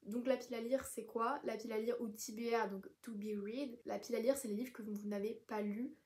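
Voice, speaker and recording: A woman's voice: fairly high pitch, steady tone, fairly quick, a little mellow. A young woman from France explaining reading terms in a chatty, self-deprecating vlog, with many fillers. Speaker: book vlogger.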